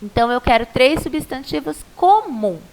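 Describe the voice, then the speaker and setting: A woman's voice: high voice, lively intonation, moderate pace, darkish tone, low-quality recording. A Brazilian woman primary school teacher giving a patient, coaxing video lesson to a child, stretching out syllables to show stress.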